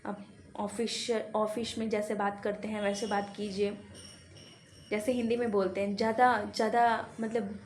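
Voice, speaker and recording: A woman's voice: mid-range voice, flat delivery, normal speed, slight background noise. A woman teaching a casual spoken-English lesson, explaining patiently and repeating words and examples.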